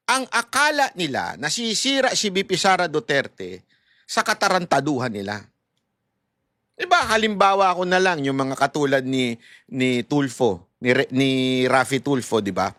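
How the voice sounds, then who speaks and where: A middle-aged man from Manila with a loud voice, giving casual, animated political commentary as a vlogger. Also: medium pitch, normal speed, dry recording, clean studio sound. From Manila, Philippines. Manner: animated and chatty, laughs at his own asides.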